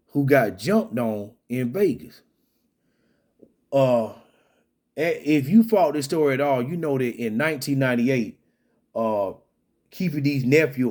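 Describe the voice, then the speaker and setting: A man's voice: mid-range voice, darkish tone. Man rambling through casual commentary. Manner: rambling, many restarts and fillers.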